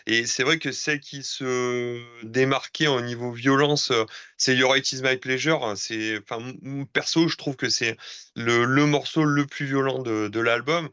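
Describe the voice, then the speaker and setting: Smooth-voiced hesitant man. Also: mid-range voice, steady tone, a little slow, bright, forceful tone, no echo, dull audio. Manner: hesitant, stumbling over words. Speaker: band member. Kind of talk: casual band interview.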